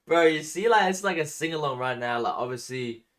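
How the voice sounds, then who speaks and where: Reacting to a song on his video, a man talks with casual enthusiasm, full of fillers. His voice is a little high, animated, and brisk.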